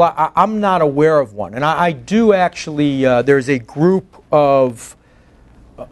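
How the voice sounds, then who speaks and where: Speaking with a medium-pitched, darkish voice, a man in his forties presents as a guest lecturer and public defense advocate. In a meeting room, he addresses a faculty colloquium that includes questions, earnest and emphatic, punctuating points with "right?".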